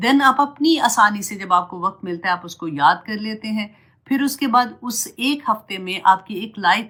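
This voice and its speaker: A woman Quran teacher giving gentle, motherly religious advice and mixing English words into her talk. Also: mid-range voice.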